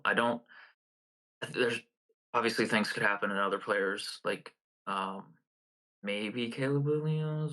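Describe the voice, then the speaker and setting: Bright, lower-pitched man, hesitant podcast co-host. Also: low-quality recording. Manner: hesitant, many fillers. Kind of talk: casual sports chat.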